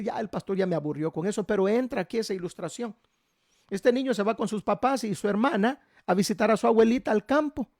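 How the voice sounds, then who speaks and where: High-voiced pastor preaching. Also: male voice, gravelly, darkish tone, no echo, studio quality. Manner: folksy storytelling, keeps asking "¿verdad?". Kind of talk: sermon.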